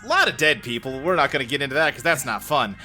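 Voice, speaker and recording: A man running a tabletop game, narrating casually in a halting, improvised way. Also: medium pitch, lively intonation, sharp tone, soft background music. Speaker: game master.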